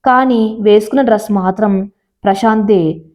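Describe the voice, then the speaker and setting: A woman narrating a scripted story in a plain, steady storytelling manner. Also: mid-range voice, normal speed. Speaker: audiobook narrator. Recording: slightly dull lo-fi audio.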